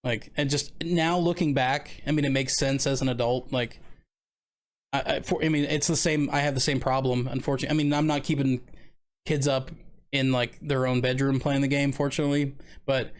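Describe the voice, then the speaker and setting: A man's voice: medium pitch, steady tone, a little fast. A man in his thirties hosting a casual live stream, talking in a rambling, laid-back way with many fillers and restarts. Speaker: streamer host.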